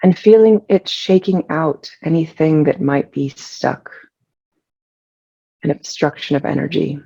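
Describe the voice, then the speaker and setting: With a mid-range, gravelly voice full of vocal fry, a person guides a meditation in a relaxed, soothing manner, taking it slowly with long pauses. The high frequencies in the recording are cut off.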